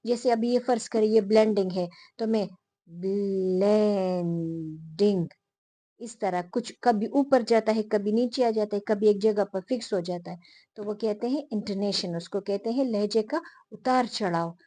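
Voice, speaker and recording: Woman, teacher, unhurried explaining, repeats terms, warm dark tone, dry sound. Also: medium pitch, dry recording. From Pakistan. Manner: unhurried, many restarts and fillers, repeats terms slowly. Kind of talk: explaining lesson to camera.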